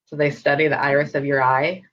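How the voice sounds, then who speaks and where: A woman's voice: sits low, flat delivery, fairly quick, fairly bright tone. Chatty woman on a dull video call. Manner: chatty, lots of fillers and restarts. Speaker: guest. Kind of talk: casual interview chat.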